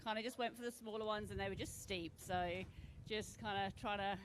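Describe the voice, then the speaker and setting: A woman's voice: mid-range voice, fairly even intonation, brisk. A woman athlete with a rural Suffolk English accent, chatting casually in an interview outdoors. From Suffolk, England. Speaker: athlete, newly crowned surfing champion. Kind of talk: casual post-event interview. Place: outdoors on a beach. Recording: faint outdoor ambient noise.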